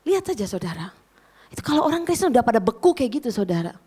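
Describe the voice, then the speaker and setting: Woman pastor, high voice, lively conversational preaching, addresses the congregation directly. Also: fast talker, husky. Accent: Indonesian. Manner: animated preaching, often addresses listeners as "saudara". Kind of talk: sermon.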